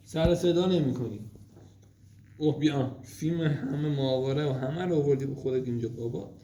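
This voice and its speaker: A man at home at night, gently and affectionately coaxing his small daughter to go to sleep. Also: medium pitch. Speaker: father putting his toddler to bed. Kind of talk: casual talk with a small child. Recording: roomy room with faint noise.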